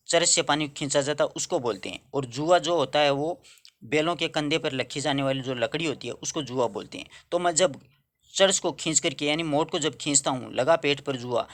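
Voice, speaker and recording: A man's voice: on the high side, fairly bright tone. A man teaching a Hindi poem for a school class. He reads each verse, then explains it in simple words and puts questions to the students. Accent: Rajasthani-tinged Hindi.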